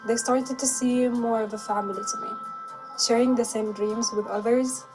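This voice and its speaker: A woman's voice: fairly high pitch, fairly even intonation, normal speed, poor audio. A woman in her twenties from Sudan giving an earnest, reflective personal testimonial. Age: 20s. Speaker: student in a testimonial video. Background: background music.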